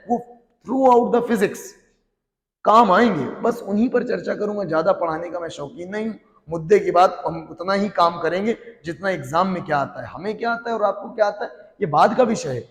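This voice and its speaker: A man's voice: sits high, normal speed, reverberant, long reverb tail. A man teaching a physics class, answering his own playful questions in a call-and-response way. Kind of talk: classroom lecture.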